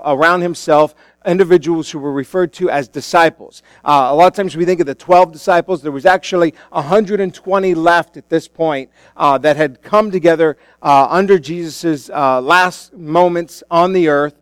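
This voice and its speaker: A man's voice: a little high, clean tone, no echo. A male pastor preaching a sermon into a pulpit microphone in a church, in a casual, conversational way with many fillers and restarts. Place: church sanctuary.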